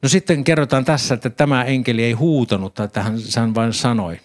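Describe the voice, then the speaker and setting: Man preaching in calm explanatory tones. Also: medium pitch. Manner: calm explanatory preaching, reading scripture aloud. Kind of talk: sermon.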